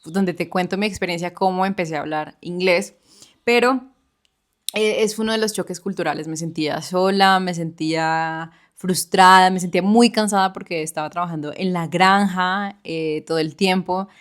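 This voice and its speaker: A woman's voice: fairly low pitch, moderate pace. A woman co-hosting a podcast, earnestly telling her own experience and speaking directly to the listener. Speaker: podcast co-host. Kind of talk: personal storytelling chat.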